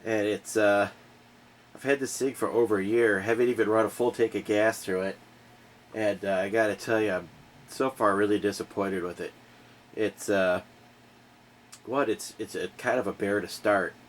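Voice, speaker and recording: Speaking at normal speed in a low, steady voice, he pauses often while slight background noise comes through the off-screen camera mic. Stuffed up from a cold, this home DIY reviewer rambles in a folksy, somewhat aggravated way while reviewing and fixing a generator inside his garage.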